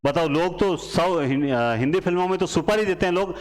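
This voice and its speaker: A man with a fairly high voice teaching Hindi literature as an exam coaching lecture. He keeps quizzing the class and answering himself to lock in memory tricks. Now and then he recites lines of poetry with feeling. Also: fairly quick. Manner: animated, repeats questions and answers for memory tricks.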